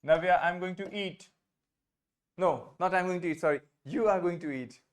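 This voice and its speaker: Teacher, Indian English accent, very slow, patient drilling, switches languages, video call. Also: medium pitch. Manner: patient, drills phrases by repeating them slowly; switches between English, Hindi and French. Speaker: French teacher. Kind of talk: online language class.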